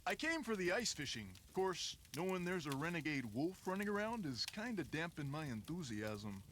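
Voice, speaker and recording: A boastful Canadian construction worker. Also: male voice, a little high, big pitch swings, moderate pace, fairly bright tone, a little hiss or hum. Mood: gruff. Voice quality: boastful, gruff and folksy. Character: folksy middle-aged male construction worker, lodge guest. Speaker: game character.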